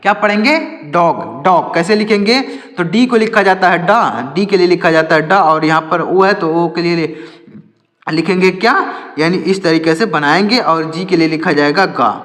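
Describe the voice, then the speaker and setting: A man's voice: sits high, normal speed, fairly bright tone. A man teaching English to beginners, asking questions and answering them himself and repeating key words. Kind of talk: Hindi-language English lesson for beginners. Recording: echoey room with long reverb.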